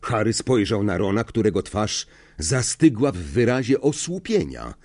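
A man reading a novel aloud as an audiobook narrator, measured and expressive, on a close studio mic. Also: lowish voice, husky, no room sound. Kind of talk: scripted narration.

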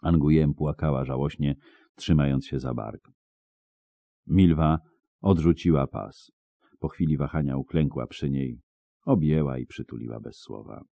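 Man, audiobook narrator, very low dark voice, dramatic storytelling, dry close sound. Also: a little slow, gravelly, dry recording.

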